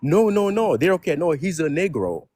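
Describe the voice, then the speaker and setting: A man's voice: on the high side, very animated, normal speed, darkish tone, breathy edge, dry recording, studio quality. A man calling in to a stream and talking in an earnest, insistent way. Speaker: caller. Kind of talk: casual call-in talk.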